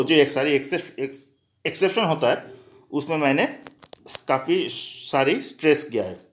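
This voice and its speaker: A male teacher explains grammar rules for exam students, repeating example words one by one. His voice sits a little high. He speaks slowly and patiently.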